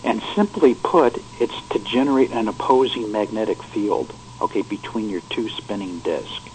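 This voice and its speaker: A man on the phone as a guest on a call-in radio show, speaking quietly and explaining haltingly with many fillers. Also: lowish voice, slight background noise, rough recording. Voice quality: quiet, hard to hear on the line. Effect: over the phone.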